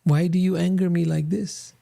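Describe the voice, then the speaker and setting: Teasing divine cowherd boy, narrator's plain voice; gravelly and dark. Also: mid-range voice, flat delivery, normal speed.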